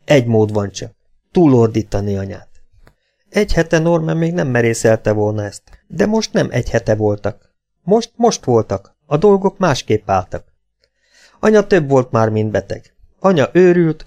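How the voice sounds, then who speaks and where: Man, audiobook narrator, gravelly voice, measured, mid pitch. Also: darkish tone. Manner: low, measured storytelling.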